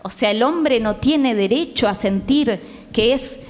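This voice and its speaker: Slightly high-pitched and lively but a bit slow, the woman speaks with an Argentine accent as a panel guest in a theatre. She's conversational and hunts for her words, and the recording carries the hall's reverb.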